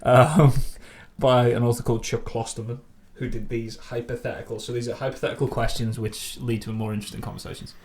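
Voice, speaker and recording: Fast-talking man, jokey podcast host. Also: mid-range voice, steady tone, darkish tone. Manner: fast, jokey, swears freely. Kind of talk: casual chat.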